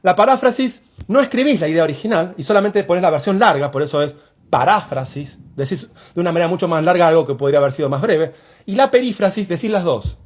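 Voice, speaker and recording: A man's voice: high voice, lively intonation, fast talker. A man teaching poetry, walking his students through a poem step by step and often asking them to look closely at what he points out. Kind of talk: explanatory lesson on a poem.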